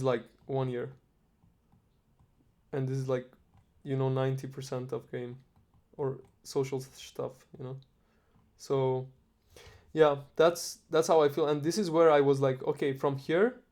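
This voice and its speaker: A man from Iran in a casual chat, relaxed and rambling, swearing often. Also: medium pitch.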